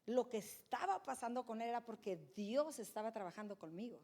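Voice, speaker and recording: A middle-aged woman speaks briskly in a slightly high voice. As a guest speaker she gives an energetic, insistent testimony of faith, frequently facing the crowd.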